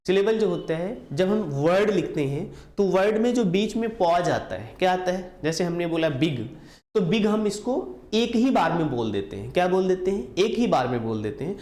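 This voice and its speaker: A man's voice: fairly high pitch, a little mellow. Echoey male grammar teacher. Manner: repeats key answers as call-and-response questions. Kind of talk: classroom grammar lecture.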